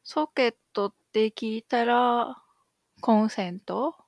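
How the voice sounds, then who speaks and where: A woman's voice: a little high, slow pace, no echo, clean studio sound. A woman co-hosting a casual podcast, guessing answers aloud and agreeing often in short affirmations. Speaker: podcast co-host answering quiz.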